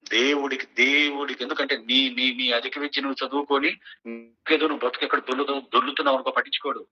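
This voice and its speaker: A middle-aged man preaches with a very bright, forceful tone. He drives each point home with emphatic rhetorical questions to his listeners, in the steady flow of a sermon given as an online class. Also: mid-range voice, fast, muffled recording.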